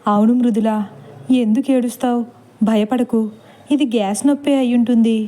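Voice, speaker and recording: A woman voicing a young husband who speaks softly and hesitantly, trying to placate his wife. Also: a little high, fairly even intonation, moderate pace, natural voice. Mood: soothing. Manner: soft, hesitant, stammering.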